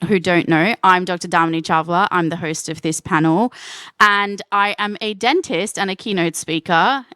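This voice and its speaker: On a convention stage, a woman moderates a live panel, upbeat and enthusiastic as she introduces guests and poses questions. Her medium-pitched voice is a bit bright with a clean tone and no room sound.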